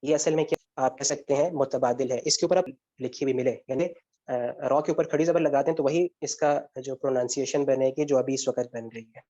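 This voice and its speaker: In a mid-range, mellow voice with fairly even intonation, a male Arabic grammar teacher leads an online lecture open to student questions. He moves step by step and tends to ask a question before supplying the answer himself; the audio is dull and lo-fi.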